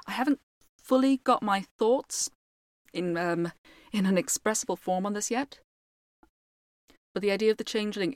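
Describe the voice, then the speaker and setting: A woman's voice: lowish voice, no room sound, studio quality. A woman with a lilting Irish accent, speaking as a storyteller to her listeners. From Ireland. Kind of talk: storytelling with informal commentary to listeners.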